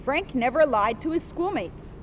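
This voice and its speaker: A woman police officer reads a children's book aloud outdoors, in a sunny spot by a school, expressively and with chatty asides. Her voice sits high and is expressive, at a moderate pace. The outdoor recording is dull and faintly noisy.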